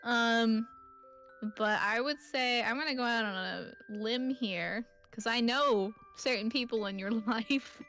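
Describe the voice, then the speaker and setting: A woman's voice: fairly high pitch, slow, a bit bright, soft background music. A woman guest on a stream, chatting casually with friends, teasing and acting out quotes. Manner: teasing, acts out quotes in a sing-song voice.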